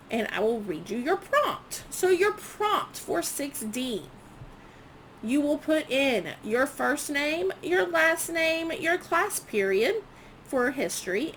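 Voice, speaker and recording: A woman history teacher with a high-pitched voice reads quiz questions aloud to her students, clearly enunciating each prompt one item at a time in an instructional manner. The recording is rough, with a slight hiss or hum.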